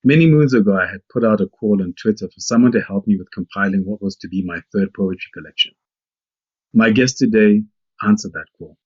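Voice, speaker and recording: A male podcast host with a husky, fairly low voice asks thoughtful questions, hedging and restarting as he feels his way toward the point. The sound is dull and lo-fi, and it is close and dry. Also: brisk, a little mellow, no room sound, soft background music. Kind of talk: interview questions and scripted intro.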